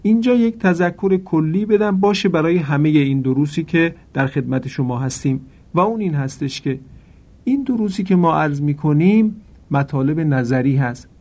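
A man teaching correct pronunciation for Quran recitation, addressing listeners formally and drawing out example words slowly and carefully. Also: fairly high pitch, lively intonation, mellow. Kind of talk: instructional lesson.

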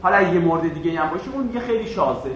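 A man teaching Arabic grammar in a classroom lecture, quizzing his students and answering himself, drawing out example words slowly. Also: on the high side, lively intonation, dull audio, a little hiss or hum. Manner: asks the class questions and answers them himself. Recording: echoey room, voice from a distance.

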